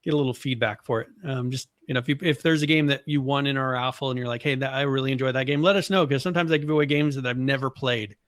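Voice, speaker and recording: A man from the American Northwest co-hosting a podcast in casual chat, talking in a relaxed, rambling way with lots of fillers. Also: mid-range voice, quick pace, hardly any pauses, no echo, clean studio sound. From Boise, Idaho area of the US. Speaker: podcast co-host.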